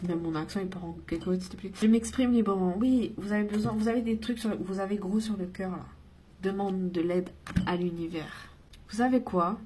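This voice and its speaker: A woman giving a casual spiritual card reading, chatty and rambling, reassuring her viewers and breaking off with giggles and soft whispers. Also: mid-range voice, fairly quick, slightly rough. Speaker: oracle card reader.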